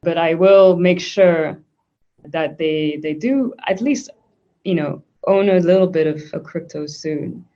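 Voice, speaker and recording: A woman's voice: on the low side, unhurried, mellow. A woman from Switzerland, a guest in a conversational interview, talking thoughtfully with frequent restarts. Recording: dull lo-fi sound.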